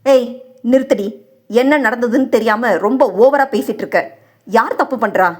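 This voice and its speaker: A woman's voice: a little high, normal speed, lightly acted. A woman voicing an angry young husband who scolds harshly in an audio novel. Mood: furious.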